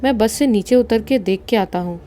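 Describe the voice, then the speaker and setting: A woman reading the lines of a frightened young man in a spoken horror story, in her own dark, low-key voice. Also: normal speed, slight background noise, lightly acted. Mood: tense.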